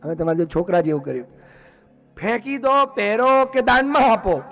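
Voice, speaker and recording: Animated high-voiced preacher. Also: male voice, moderate pace, soft background music. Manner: animated, asks the audience questions and answers them himself. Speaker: religious discourse speaker. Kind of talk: devotional sermon.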